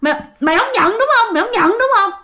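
A woman voicing an eerie female ghost around sixty, sweet at first and then menacing, in a high taunting voice. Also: a little slow, pushed and bright. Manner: shrill, taunting, high-pitched.

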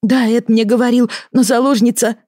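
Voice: mid-range voice, normal speed, breathy edge, dry recording, clean studio sound, voice pushed up. An audiobook reader voicing an anxious young woman pleading with her father, her voice raised.

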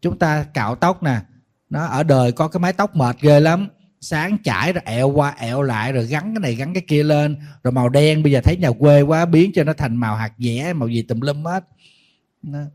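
A man, a Buddhist monk, giving a sermon in a lively storytelling way, acting out the people he quotes. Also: on the high side, brisk. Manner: lively storytelling, animated quoting of others, folksy asides.

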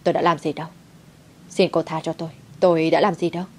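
A woman's voice: low voice, little pitch movement, quick pace. A woman reading the lines of a lecherous older male guest in a spoken story, in a coaxing, wheedling way. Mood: pleading.

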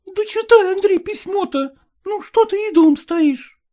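A man's voice: very high voice, normal speed, mellow, pitched above the performer's own voice. A male reader voicing an impatient young peasant woman who keeps pressing and pleading. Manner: pleading, insistent.

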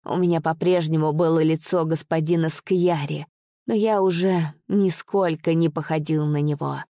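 A woman's voice: sits low, steady tone, moderate pace, mellow, no room sound, clean studio sound. A woman voicing a sad, subdued masked male cavalier in an audiobook.

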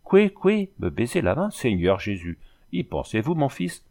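A man's voice: medium pitch, wildly swooping pitch, moderate pace, creaky, dark tone, voice pushed up, heavily acted. A man voicing a homely, chatty old peasant mother who talks in rustic country dialect, in an audiobook reading. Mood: fussing, doting.

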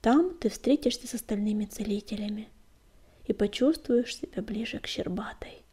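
A woman reading a storybook and voicing a caring, steady male cat warrior leader in a soft, breathy voice. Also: mid-range voice, moderate pace. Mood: gentle.

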